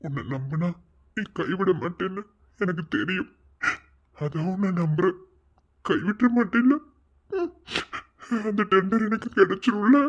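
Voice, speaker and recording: A woman's voice: medium pitch, measured pace, pauses often, close to an everyday voice. A woman voicing a wounded young husband. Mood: pleading. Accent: Madurai Tamil. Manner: sobbing, pleading questions. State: in pain. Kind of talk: amateur cartoon voice acting. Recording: dull lo-fi recording.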